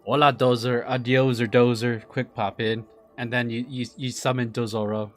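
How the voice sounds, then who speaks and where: A man live-streaming his reaction to a game, chatting casually with viewers in an animated, talkative way. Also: mid-range voice, normal speed, faint music behind.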